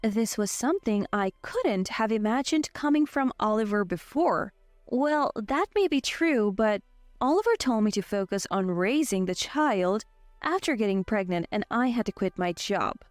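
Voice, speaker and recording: A woman in her twenties narrating a scripted first-person story with an even, steady delivery. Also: medium pitch, moderate pace, no echo, faint music behind. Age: 20s.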